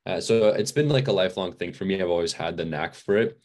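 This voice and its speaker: A young man with a very low, deep voice, chatting as a podcast guest. He rambles easily with lots of "like" and "uh," a touch worn out from training. Relaxed and unscripted. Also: fast talker. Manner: rambling, many fillers and restarts. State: a little fatigued. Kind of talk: casual interview chat.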